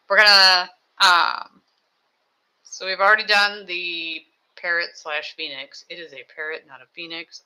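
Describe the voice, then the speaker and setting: Rambling home streamer with a sharp, bright voice who chats and builds at the same time. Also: medium pitch, low-quality recording. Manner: chatty, thinks aloud, self-mocking asides. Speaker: live streamer building toy sets. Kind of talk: casual rambling chat while building. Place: home desk with two computers.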